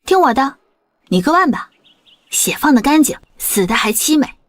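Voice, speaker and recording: An actress playing a sharp-tongued young princess consort who taunts coldly. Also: female voice, sits high, sing-song, normal speed, dry recording. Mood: mocking. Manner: scornful, coolly taunting. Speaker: prince's wife.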